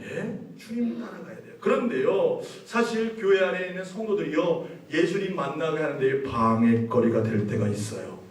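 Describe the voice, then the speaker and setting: A man's voice: on the high side, expressive, normal speed, hardly any pauses. A male pastor preaching a sermon, questioning the congregation and building to emphatic passages. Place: church sanctuary. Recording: echoey church hall, mic at a distance.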